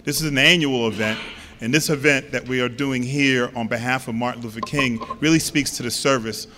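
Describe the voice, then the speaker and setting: A man hosting a formal ceremony as a bright master of ceremonies, welcoming people and introducing speakers, sometimes halting as he searches for words. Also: medium pitch, fairly even intonation. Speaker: master of ceremonies, city official. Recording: echoey hall with background noise.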